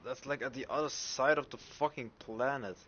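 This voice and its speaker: A man's voice: mid-range voice, steady tone, moderate pace, a bit bright, slightly rough, lo-fi sound. A man giving casual, rambling gameplay commentary, swearing and correcting himself as he plays. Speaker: gamer streamer.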